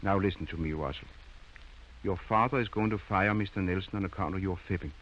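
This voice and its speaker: A man's voice: sits low, a little fast, fairly bright tone, a little hiss or hum. A man acting in an old-time radio drama as a firm, kindly country doctor, patient but probing. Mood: firm accusation. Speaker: radio actor. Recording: dull, lo-fi vintage radio recording.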